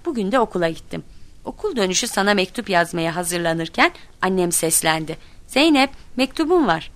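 Woman, lowish voice, storybook narrator, lively quoted voices. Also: a little fast. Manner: lively, voices quoted children and teachers with raised pitch. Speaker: narrator reading a children's book.

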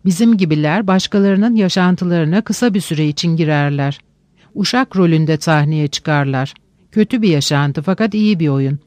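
A man narrating a literary audiobook in a measured, reflective way with slow pauses. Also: on the high side, a little mellow, no echo.

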